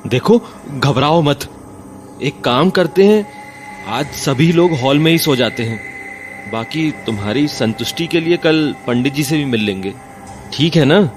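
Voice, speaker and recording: A man voicing a calm, reassuring father in an animated story who speaks steadily. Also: on the high side, a little slow, soft background music.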